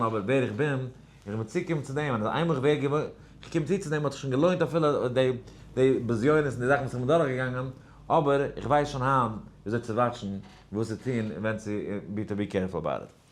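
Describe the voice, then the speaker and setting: A man giving a Torah class, telling a parable in a rambling way with many fillers and English words mixed in. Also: medium pitch. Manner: chants verses in a sing-song. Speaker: rabbi giving a daily class. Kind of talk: Torah lecture in story form.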